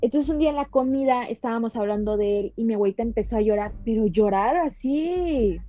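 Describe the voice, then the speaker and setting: A young woman, a podcast guest telling a personal story in an animated way, full of "o sea" and "¿no?". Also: on the high side, a little fast, lo-fi sound. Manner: animated, fills talk with "o sea" and "¿no?". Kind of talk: casual storytelling.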